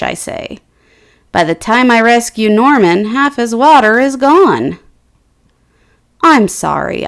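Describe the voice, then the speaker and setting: Reading a picture book for children, a woman takes a slow, expressive pace and lifts her voice for the characters' lines. Her pitch is medium and her voice creaky.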